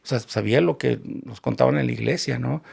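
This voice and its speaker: A man's voice: medium pitch, fairly quick, vocal fry, darkish tone, breathy edge. A man, a guest in a casual interview, telling a personal story and acting out the dialogue.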